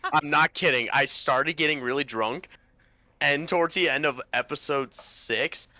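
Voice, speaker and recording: A man co-hosting a casual reaction chat, laying out his points in a measured way with the odd swear. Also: fairly high pitch, sharp tone, no echo. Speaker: podcast co-host.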